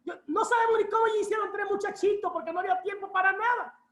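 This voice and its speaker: High-voiced woman preaching in an echoey church. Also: quick pace. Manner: lively storytelling, acts out quoted voices. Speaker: pastor. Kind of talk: preaching a personal testimony. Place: church hall.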